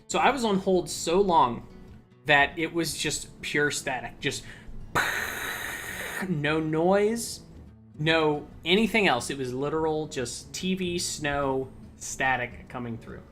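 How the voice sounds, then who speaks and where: A young man talks loosely while he plays a game, drifting through a long story full of "um"s and restarts. His voice sits a little high for a man. Faint music runs underneath. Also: slow pace, fairly bright tone. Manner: rambling storytelling with many fillers and restarts. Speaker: gamer telling a story while playing. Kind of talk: casual let's-play chat.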